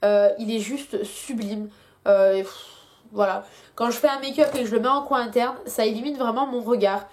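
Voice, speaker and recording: A young woman vlogging about beauty products chats casually in a slightly high, darkish-toned voice at normal speed. Her review is full of hesitations, and she has a headache.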